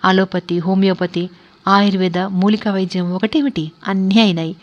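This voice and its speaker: A woman voicing a composed young wife who is unable to walk, speaking in a calm, resigned and earnest way in a read-aloud story. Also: mid-range voice, normal speed, lo-fi sound, lightly acted. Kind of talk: audiobook character reading.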